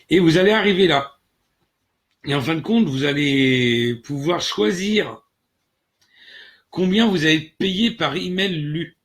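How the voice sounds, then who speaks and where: A man with a slightly high voice hosts a casual screen tutorial. He talks to the viewer directly and often stops to search for a word or restart a phrase. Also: a bit bright. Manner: hesitant, many fillers and restarts, addresses viewer directly. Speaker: channel host.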